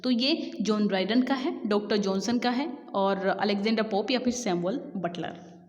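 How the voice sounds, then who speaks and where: A woman teaching English literature for exam prep, chatting with viewers and reading questions out slowly. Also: medium pitch, a little mellow. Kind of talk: exam-prep lesson in Hindi-English mix. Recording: dull lo-fi sound with long reverb.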